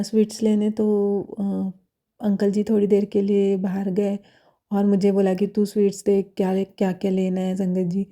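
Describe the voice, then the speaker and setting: A young woman sharing devotional experiences in casual talk, hesitant, with many fillers and pauses. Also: mid-range voice, warm tone.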